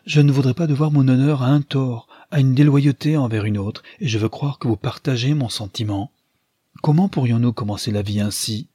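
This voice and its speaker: A man voicing a calm, dignified young society woman in an audiobook, with a soft, earnest, husky voice. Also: mid-range voice, brisk, no room sound, studio quality, voice pushed up, natural voice. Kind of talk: audiobook character reading.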